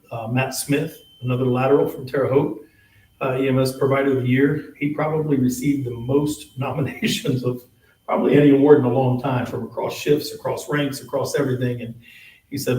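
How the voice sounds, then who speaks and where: Fire chief guy reading off his report, pretty monotone, sounds far from the mic in a boomy room. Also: reverberant. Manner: plain, even report with occasional laughs. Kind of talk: reporting at a township board meeting. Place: meeting room.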